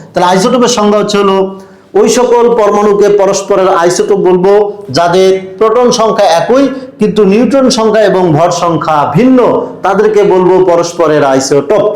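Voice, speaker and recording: Echoey high-voiced Bangladeshi man teaching chemistry. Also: darkish tone. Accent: Bangladeshi Bengali. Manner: drawn-out stressed syllables for drilling terms; direct, encouraging address to students. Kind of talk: classroom lecture.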